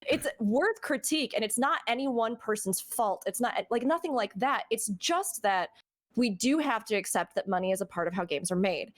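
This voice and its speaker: Casting: higher-voiced woman, chatty streamer host, animated and rambling. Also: normal speed. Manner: animated, chatty, lots of fillers and asides. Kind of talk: casual podcast discussion.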